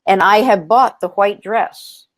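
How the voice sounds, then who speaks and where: A woman's voice: medium pitch, unhurried. A woman who founded a nonprofit, talking in an interview, telling stories earnestly with frequent ums and restarts. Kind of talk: interview conversation.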